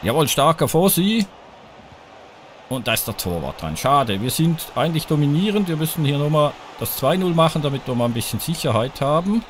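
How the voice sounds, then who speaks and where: Excitable man commenting his own football game. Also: a little high, brisk, slight background noise. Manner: excitable, groans and cheers at each chance, talks to viewers. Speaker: gaming YouTuber playing a football video game. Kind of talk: live let's-play commentary.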